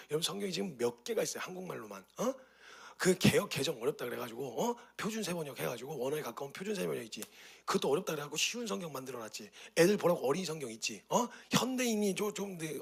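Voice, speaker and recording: A male pastor teaching a meditation class, talking at a rapid clip. His voice is gravelly and husky, pitched a bit high for a man. He tells stories and fires off rhetorical questions. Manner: lively storytelling with rhetorical questions. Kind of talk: teaching talk.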